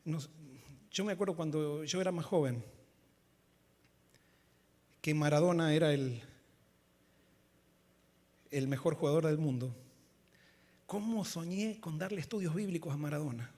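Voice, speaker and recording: Male pastor, high voice, fervent sermon, swings loud to hushed. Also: measured pace, pauses often. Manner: fervent preaching that swings between loud emphatic lines and low quiet ones.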